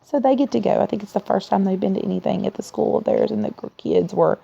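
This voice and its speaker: Weak tired post-surgery lady rambling casually, super gravelly voice, kinda dull lo-fi audio. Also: medium pitch, quick pace, dark tone. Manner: rambling, candid, conversational. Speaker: vlogger sharing surgery recovery. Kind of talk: casual personal video diary. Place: at home in a recliner. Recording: dull, lo-fi sound.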